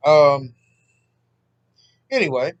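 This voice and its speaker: A thirtysomething man from southern Mississippi hosts a history channel, chatting from his seat at home in a loose, rambling, self-deprecating way. His voice sits on the high side, and the recording sounds muffled.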